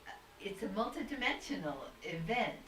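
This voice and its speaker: On a video call, a woman guest talks at length in a rambling, searching, spiritual way, restarting often during casual conversation. Her medium-pitched voice is animated and slightly bright, at normal speed. The mic is distant and roomy, with faint noise.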